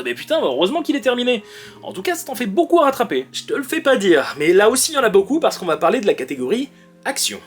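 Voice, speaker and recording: Guy with a high, bouncy voice rattling off his faves, super animated, soft music behind. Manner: lively, enthusiastic listing. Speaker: webtoon recommender. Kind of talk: casual chat ranking favorites.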